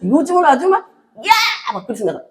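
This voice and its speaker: A woman's voice: a little high, a little fast, background noise. An older woman pastor preaching a sermon. She speaks in a chatty, conversational way, telling stories and acting out dialogues. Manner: animated storytelling, acting out dialogue in different voices.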